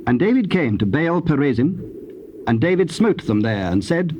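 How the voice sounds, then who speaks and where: A man with a British accent narrating scripture in a formal, measured way. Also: a little high, sing-song, darkish tone. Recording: dull, faintly noisy old cassette.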